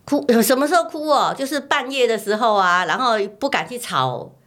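A middle-aged mother with a slightly high voice talks at a normal pace in a casual family chat, remembering when her child was a baby. She tells the story with animation, repeating words and acting out things she once said.

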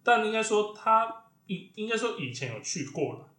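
A man, a diviner hosting a podcast, telling a story in an animated, casual way. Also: high-pitched, normal speed, roomy sound. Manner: animated, lively retelling with quoted exclamations.

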